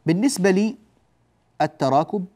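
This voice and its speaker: A man teaching the rules of Quran recitation, explaining step by step, drawing on a board, checking that the class follows, and stretching out example words slowly. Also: sits high, lively intonation, warm tone. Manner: explains step by step and often asks the class "جيد؟". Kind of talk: classroom lesson on tajweed rules.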